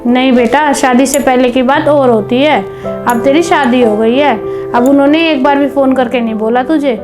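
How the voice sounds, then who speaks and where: A woman playing a caring mother-in-law who gently advises her daughter-in-law in a family drama. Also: high voice, fairly even intonation, moderate pace, close to an everyday voice. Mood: advising. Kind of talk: scripted home video family drama. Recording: background music under dialogue.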